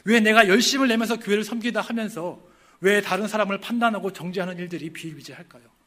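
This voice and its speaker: A male pastor delivers a sermon in a high, bright, ringing voice. He leans on rhetorical questions, lifting them to emphatic peaks before sinking low at the close. When he lists the virtues one by one, he slows to a deliberate pace.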